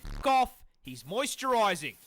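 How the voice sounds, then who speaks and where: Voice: mid-range voice, big pitch swings, measured pace, a bit bright, faint music behind. A narrator delivering scripted comedic narration in a punchy, sarcastic and sweary manner. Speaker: narrator of an animal video.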